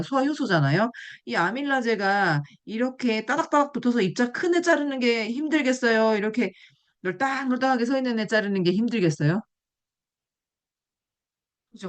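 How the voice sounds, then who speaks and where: A woman giving a classroom nutrition lecture, explaining with examples and asking the audience questions. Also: fairly high pitch. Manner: animated, asks the class questions.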